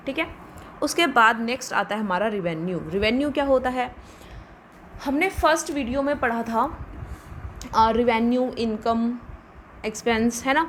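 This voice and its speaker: A woman's voice: a little high, slight background noise. A woman teaching a commerce lesson, explaining step by step and answering her own questions. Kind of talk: classroom lecture.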